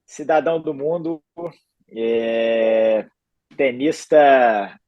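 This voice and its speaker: A man in his forties from Belo Horizonte, a retired tennis player, telling his story in a calm, easygoing way as a podcast guest. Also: mid-range voice, very slow, dry recording, muffled recording. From Belo Horizonte, Brazil. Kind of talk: relaxed interview storytelling. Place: podcast studio.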